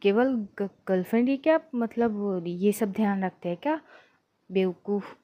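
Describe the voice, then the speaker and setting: A woman's voice: mid-range voice, measured pace, highs cut off, lightly acted. A woman voicing Kashish, a flustered young woman student who stammers and trips over her words in a spoken love story. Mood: indignant.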